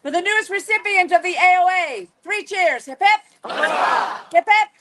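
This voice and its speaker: A woman acting as herald at a medieval reenactment court, loudly declaiming ceremonial proclamations in formal, old-fashioned renaissance fair speech. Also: very high voice, moderate pace.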